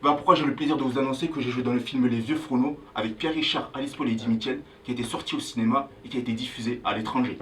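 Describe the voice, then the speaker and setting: A young man from Angola doing a stand-up comedy set on a club stage, loudly hyping the crowd between jokes. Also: medium pitch, rapid-fire, hardly any pauses, far from the mic, a little hiss or hum, rough recording. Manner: animated, hyping the crowd with loud calls. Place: comedy club stage before a live audience.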